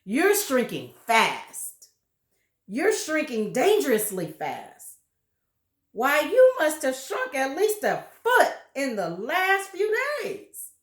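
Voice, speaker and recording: A woman's voice: high voice, huge pitch swings, slow, roomy sound, voice pushed up, full character voice. A woman voicing a nasty old husband who taunts his wife with a cruel trick, in a storybook reading. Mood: taunting. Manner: taunting, mock-alarmed, jeering.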